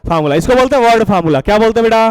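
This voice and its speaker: A man's voice: high-pitched, lively intonation, racing, clean tone, low-quality recording. A man teaching a chemistry class, coaxing students with questions and repeating their answers. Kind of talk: classroom lecture.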